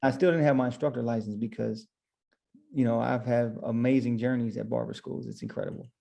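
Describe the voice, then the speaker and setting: A man's voice: medium pitch, animated, brisk, vocal fry, warm tone. A man who owns barbershops, guest on a podcast, telling his story casually and retelling his own thoughts as quotes.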